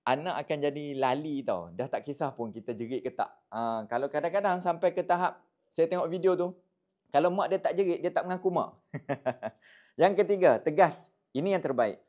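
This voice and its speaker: A man with a Malaysian accent giving casual parenting advice to the camera. He talks in a lively way, mixes in English words and keeps checking in with his listeners. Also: a little high, normal speed. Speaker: parenting content creator.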